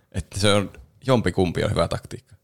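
A man's voice: low-pitched, gravelly. A man hosting a podcast, easygoing and often laughing, a bit hung over. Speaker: podcast host. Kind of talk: casual chat.

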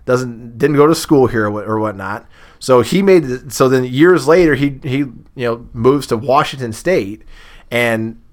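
A man, a former booster club president, chatting on a podcast and telling lively anecdotes. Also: medium pitch. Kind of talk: casual podcast storytelling.

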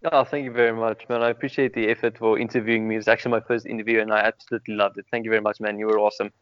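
A man's voice: fairly low pitch, flat delivery, rapid-fire, clear, resonant tone, dry recording. A young man from South Africa with a South African accent, a guest in a casual interview, earnest and repetitive with many ums. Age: young adult. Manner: earnest, repeats words, many ums and extremely. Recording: dry, dull lo-fi sound.

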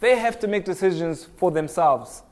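Young male preacher from Kenya, earnest sermon delivery, repeats lines for emphasis, voice a touch high. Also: animated, moderate pace. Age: young adult. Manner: earnest, repeats phrases for emphasis, frequent restarts.

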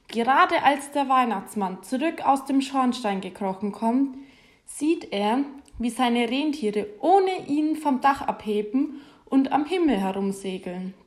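A woman calmly narrating a Christmas children's story in a clear storytelling voice. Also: fairly high pitch.

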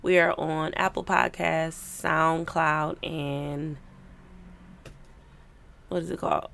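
A young woman co-hosting a podcast in casual chat, animated and teasing, laughing often. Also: low-pitched, takes it slowly, gravelly. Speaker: podcast co-host.

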